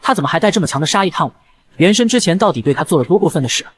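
Dude voicing a whiny suck-up young disciple, fast and kinda high, dry close mic. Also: male voice, animated, breathy edge, dry recording. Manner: whiny, fawning. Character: young male disciple, scheming coward, whiny. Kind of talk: fast manga recap narration.

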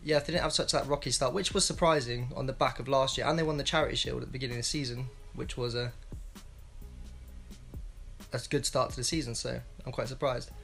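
His mid-range voice is fairly bright with some vocal fry, and he talks fast with fairly even intonation while faint music plays. He's a twentysomething football vlogger giving a blunt, rambling solo analysis from a small home room via a wired earphone mic.

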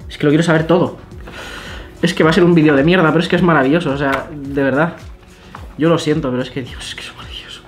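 A young man talks casually and excitedly, gushing and swearing in awe as he pages through an illustration book. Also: on the high side, fast talker, long pauses, faint music behind. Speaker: illustrator and YouTuber. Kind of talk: casual vlog, flipping through an art book.

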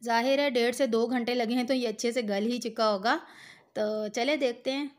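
The speaker is a middle-aged cooking host who explains a home recipe step by step from her home kitchen, speaking directly to her audience. Her pitch is a little high, her intonation fairly even, and her moderate-paced delivery stays patient and instructive.

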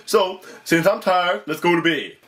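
A man's voice: sits high, a little slow, fairly bright tone, soft background music. Man doing a drawling, slangy cartoon dinosaur. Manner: drawling street slang, calls people folk. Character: laid-back slangy male cartoon dinosaur. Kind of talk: puppet comedy skit.

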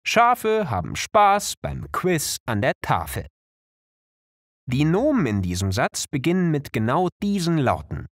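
A man giving scripted narration for a children's spelling lesson, explaining slowly and clearly. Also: no echo, clean studio sound. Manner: slow, clear explanations with lively pitch. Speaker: narrator of an educational video.

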